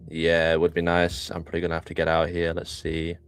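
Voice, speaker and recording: Young UK man, very deep voice, relaxed stream co-host, soft music underneath. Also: fast talker, smooth. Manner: laid-back, chatty, greets chat. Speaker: live trading stream co-host. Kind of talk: casual live-stream chat. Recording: faint music behind.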